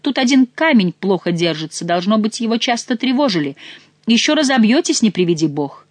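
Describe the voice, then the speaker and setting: A woman's voice: on the high side, very animated, a little fast, no room sound, voice pushed up. A woman reading the part of an ironic, cool-headed young nobleman in an audiobook, teasing in a mock-polite way.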